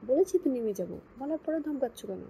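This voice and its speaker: A woman voicing a stubborn teenage girl student who answers in a sharp, snappish way. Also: high-pitched, lively intonation, fairly quick, a little hiss or hum, voice pushed up, low-quality recording.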